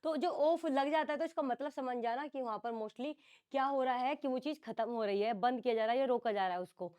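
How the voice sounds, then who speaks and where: High-voiced woman teaching a class. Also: a little fast, a little mellow, clean tone. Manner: explains phrasal verbs, calls on students by name, repeats words in English and Hindi. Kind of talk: online exam-prep class.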